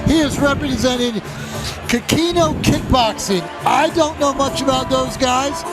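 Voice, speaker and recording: A male co-commentator with a very high pitch for a man, calling live fights casually. His manner is agreeable and folksy, and loud music runs behind his voice. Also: a little slow, a crowd in the background.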